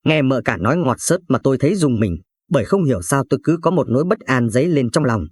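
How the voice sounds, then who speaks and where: A man narrating an audio story in a calm, steady reading voice. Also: medium pitch, fast, slightly rough, dry recording, clean studio sound.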